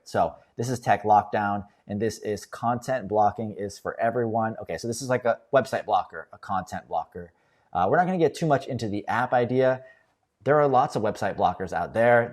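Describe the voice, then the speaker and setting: A young man hosting a casual screen-share tutorial, explaining each step in an upbeat, relaxed way. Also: lowish voice. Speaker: host.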